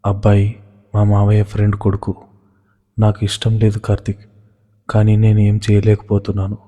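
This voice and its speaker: Storybook figure: a pleading young woman, as a male narrator reads her, low and monotone, with long reverb. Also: normal speed, close to an everyday voice. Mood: tearful. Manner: pleading, tearful. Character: frightened young woman in love.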